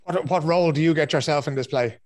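A man, hosting a relaxed, conversational interview and asking chatty questions. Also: fairly high pitch, fast talker. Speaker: interviewer, host.

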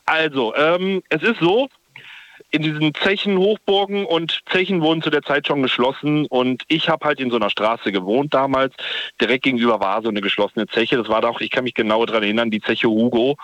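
Over the phone from his parked car, a Ruhr-area German man phones in to a radio show and spins a long, meandering tale, chatting away and self-correcting. He speaks briskly in a mid-range, fairly bright voice; the recording is dry with the highs cut off.

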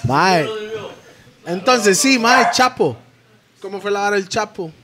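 A man's voice: sits high, expressive, slow, crowd noise. A man hosting a casual podcast, laid-back and full of slang. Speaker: podcast host.

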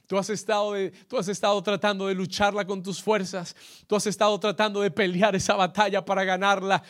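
A bilingual pastor, his voice sitting high for a man. He preaches with bursts of shouted emphasis and repeats each line in English. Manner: preaching with surging, shouted emphasis, then quieter and intimate. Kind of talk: bilingual sermon with self-translation.

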